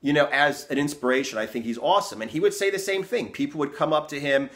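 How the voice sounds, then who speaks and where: A man's voice: on the high side, fast, a bit bright. A man coaching in a blunt, profane motivational rant, tagging "okay?" and "you know" onto his points. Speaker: fitness and success coach.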